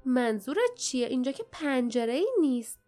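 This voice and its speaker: A fierce young fighter woman with a raised, sharp, insistent voice that pushes each point hard. A woman puts her on while narrating an audiobook. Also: high-pitched, very animated, soft background music.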